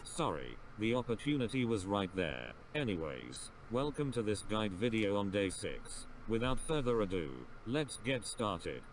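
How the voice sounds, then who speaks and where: Smooth robotic text-to-speech male voice. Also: lowish voice, measured pace, hardly any pauses, soft background music, low-quality recording. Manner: flat, even android-like delivery. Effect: smooth, monotone robotic text-to-speech voice. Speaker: guide video narrator. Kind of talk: scripted narration.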